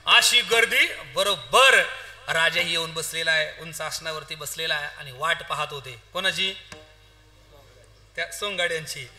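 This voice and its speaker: A man's voice: fairly high pitch, normal speed. A man preaching a humorous kirtan sermon, telling a story and acting out the characters' lines, speaking straight to his audience. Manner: animated storyteller, acts out characters' lines, addresses audience directly.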